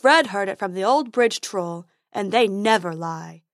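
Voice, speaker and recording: A woman voicing a stubborn, silly male unicorn who talks slowly and dopily. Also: medium pitch, lively intonation, dry recording, clean studio sound. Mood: gossipy. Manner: slow, dopey, speaks of himself in third person.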